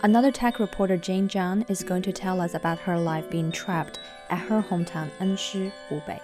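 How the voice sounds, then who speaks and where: A woman's voice: fairly low pitch, steady tone, normal speed, music in the background. A woman from Shanghai reading news narration as a podcast host, recorded muffled under a blanket in her bedroom. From Shanghai, China.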